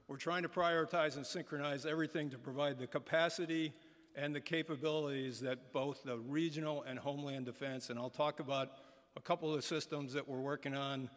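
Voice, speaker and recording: A middle-aged man giving an informal, somewhat halting briefing as a military panelist at a conference podium. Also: mid-range voice. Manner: casual, halting with fillers and restarts. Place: large conference hall stage. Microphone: podium microphones. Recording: reverberant hall.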